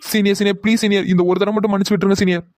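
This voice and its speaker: A man's voice: high voice, flat delivery, very fast, darkish tone, dry recording, close to an everyday voice. A man voicing a young male college bully in a cartoon drama, taunting and coaxing a girl, then whining and begging when he is caught.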